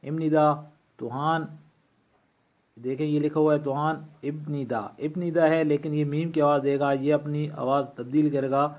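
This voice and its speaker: A man teaching a language lesson from a textbook, reading vocabulary slowly and repeating each word for practice. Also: a little high, level tone. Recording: tinny phone-like recording.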